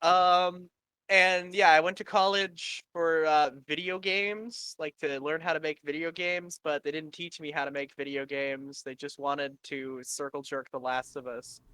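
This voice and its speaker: A young man from Canada hosts a loose, casual chat with a high, bright voice that can pass for a woman's. He talks in a crisp, clear tone with a very dry, close sound. He rambles, swears freely and laughs easily. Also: steady tone, no room sound, low-quality recording. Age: 20s. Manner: rambling and profane, quick to laugh. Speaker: podcast host.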